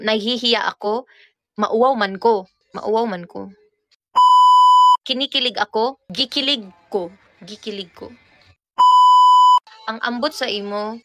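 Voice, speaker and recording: A young woman in her twenties with a Cebuano accent, chatting casually and teaching everyday phrases in a playful, giggly way. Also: medium pitch. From Visayas, Philippines. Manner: playful, giggly, switches languages freely. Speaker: pop group member.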